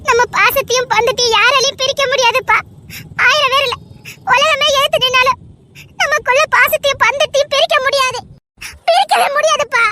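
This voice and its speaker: Brief: woman doing a tearful wife caught between husband and father, squeaky high voice. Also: a little fast, fairly bright tone. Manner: pleading, tearful and high-pitched. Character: torn, tearful young wife. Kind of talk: Tamil audio drama acting.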